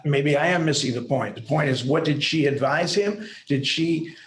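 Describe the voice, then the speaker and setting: A man's voice: a little high, moderate pace, roomy sound, slight background noise, rough recording. A man arguing for the state in an appellate court, persistent and argumentative. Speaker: attorney for the state.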